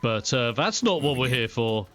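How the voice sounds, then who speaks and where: A young man giving casual, chatty and expressive let's play commentary on a video game. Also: mid-range voice, moderate pace. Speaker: gaming video host.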